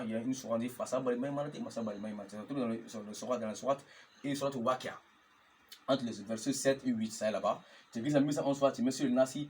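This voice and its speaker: Slight background noise accompanies a man's mid-range, darkish voice. Acting as a marabout teaching geomancy, he chants formulas again and again and keeps checking his listeners' understanding with questions.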